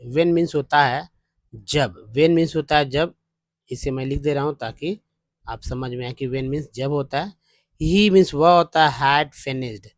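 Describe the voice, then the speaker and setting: Guy teaching english pronunciation, reads real slow word by word, bit high voice, dry close sound. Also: no echo. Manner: reads English text slowly word by word, then explains pronunciation. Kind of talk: spoken English lesson, reading aloud and explaining.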